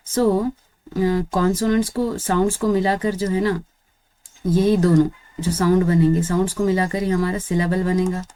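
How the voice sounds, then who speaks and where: A woman's voice: fairly low pitch, dark tone. A woman teaching basic spoken English, explaining step by step and checking in with "right?" and "okay?", mixing English phrases into her talk. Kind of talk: Hinglish spoken English lesson.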